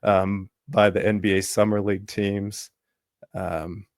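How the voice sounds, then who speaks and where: A man hosting a sports podcast in casual talk, his voice worn from allergies, halting with many ums and restarts. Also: lowish voice, flat delivery, vocal fry, dry recording. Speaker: podcast host.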